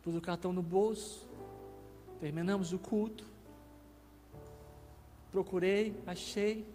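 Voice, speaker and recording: A man's voice: high voice, fairly even intonation, takes it slowly, warm tone. A Brazilian man preaching as a guest pastor, telling a personal testimony as a vivid storyteller who acts out the dialogue. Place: church sanctuary. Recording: reverberant church hall with faint music.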